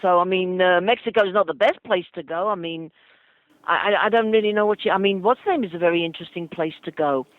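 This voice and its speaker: A man's voice: high-pitched, a little fast, no echo. Flustered older man over the phone. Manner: hesitant, flustered, many fillers. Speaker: travel agent. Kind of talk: phone call. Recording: muffled dry phone line.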